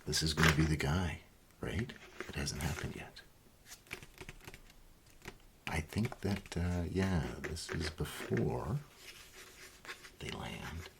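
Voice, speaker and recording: Super low voiced guy doing soft spoken asmr, rambling slowly, loud noisy recording with crinkly paper. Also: creaky. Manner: soft, near-whispered, musing aloud with pauses. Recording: steady noise, paper crinkling and clicks. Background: newspaper crinkling and page turning.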